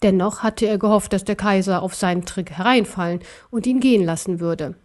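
A woman narrating a children's fantasy audiobook in a calm, measured storytelling manner. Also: mid-range voice.

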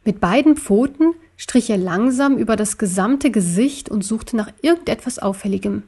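A woman's voice: a little high, animated, normal speed, mellow, husky. Woman reading a children's story. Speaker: narrator. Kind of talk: scripted children's story narration.

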